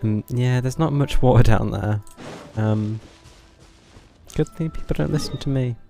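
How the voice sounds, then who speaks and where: A man streams a video game, offering casual live commentary and reading dialogue aloud while mumbling through parts of it. His mid-range voice is warm and creaky, moving a little slowly, over game music.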